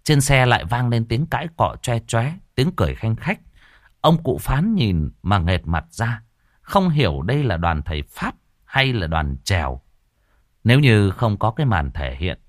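A man's voice: on the low side, very animated, normal speed, no echo, studio quality. A man narrating a story expressively. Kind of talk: audiobook narration.

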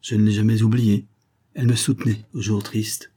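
A man reading the lines of a young woman, a tender and frightened daughter, in a pleading, softly emotional way. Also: lowish voice, little pitch movement, normal speed, husky. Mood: tender, anxious.

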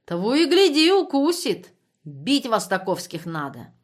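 A woman voicing a gruff armed camp guard, a coarse and blunt man. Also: fairly high pitch, wildly swooping pitch, unhurried, voice pushed up, full character voice. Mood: grumbling.

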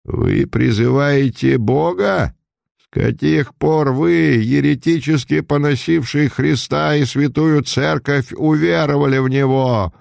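A man's voice: on the high side, vocal fry, darkish tone, no room sound, clean studio sound, pitched above the performer's own voice, full character voice. A man playing a stern, harsh inquisitor cardinal. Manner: harsh, slow, accusing.

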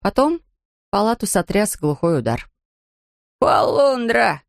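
A woman narrating a storybook reading, steady and expressive. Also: fairly low pitch, a little fast, no echo, studio quality.

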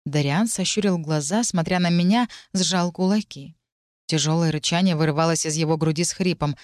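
A woman reads a first-person fantasy audiobook in a low, measured voice. Her telling stays even and steady. The recording is dry and close, with no echo. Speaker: audiobook narrator.

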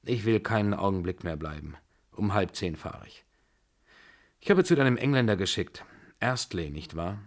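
A man puts on a worn-out old grandmother for a radio reading of a novel, her voice slow, heavy and subdued, pitched lower than his narrating voice. She is still used to giving orders. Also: animated. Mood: tired, imperious. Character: old rich grandmother, imperious yet weary.

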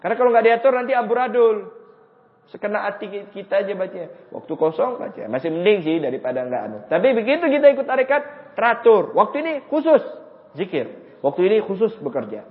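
Man, high-voiced preacher, animated delivery, muffled mosque recording. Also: fast talker. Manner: lively, swings between loud questions and low asides. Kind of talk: mosque sermon. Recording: muffled, with long hall reverb.

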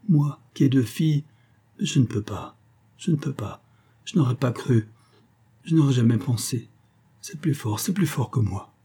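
A man's voice: medium pitch, creaky, mellow, husky, voice pushed up. A man reading an audiobook, voicing a middle-aged married mother who pleads in a breathless, trembling, broken voice.

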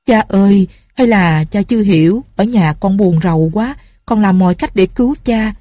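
A woman's voice: mid-range voice, normal speed, dark tone, dry recording, studio quality, close to an everyday voice. A woman reading a story aloud, voicing a pleading young son just woken from drink.

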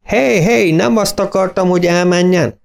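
A man's voice: fairly high pitch, voice pushed up, close to an everyday voice. A man reading an audiobook, voicing a desperate farmer who pleads in a raised, anxious voice. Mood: pleading.

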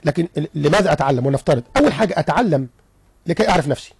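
A man with an Egyptian accent, a guest psychologist on a radio interview, explaining in an animated way with stories and rhetorical questions. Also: a little high, racing, gravelly, slightly rough, no echo, clean studio sound.

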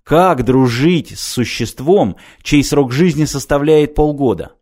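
A man reading a science fiction audiobook in a steady, measured narration. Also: a little high. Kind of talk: scripted narration.

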